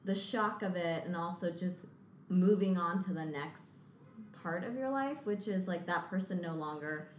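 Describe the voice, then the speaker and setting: A woman with a fairly low voice speaks thoughtfully and supportively, in an easygoing conversational tone. The room sounds echoey, with a faint hum of ambience underneath. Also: moderate pace. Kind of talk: casual chat.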